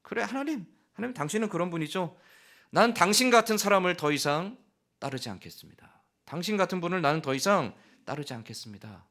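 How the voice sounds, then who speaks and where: A man's voice: mid-range voice, sing-song, moderate pace, a bit bright. A man voicing an angry, bitter male prophet who rants at God in anguished outbursts. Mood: sarcastic.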